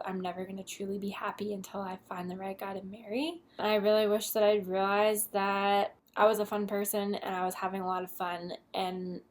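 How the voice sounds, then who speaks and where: Woman, twenties, candid vlogger, whispered asides. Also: mid-range voice. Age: 20s. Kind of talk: casual advice vlog.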